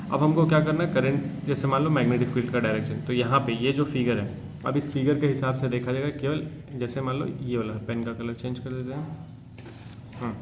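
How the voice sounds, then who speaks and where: A man teaching a physics class, explaining in casual talk and reading textbook lines slowly. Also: medium pitch, fairly even intonation. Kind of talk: class lecture. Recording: echoey room with faint hum.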